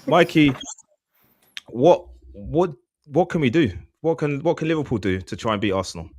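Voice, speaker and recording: A man's voice: medium pitch, animated, moderate pace, a little mellow, no room sound. A man hosting a casual football podcast, rambling with restarts and admitting he is slurring his words. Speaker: podcast host.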